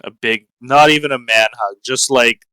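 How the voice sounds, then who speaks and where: A man improvising story narration as a player in a tabletop game, with dramatic, deliberate pauses. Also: medium pitch, bright, forceful tone, clean tone, no room sound, low-quality recording. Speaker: tabletop role-play player.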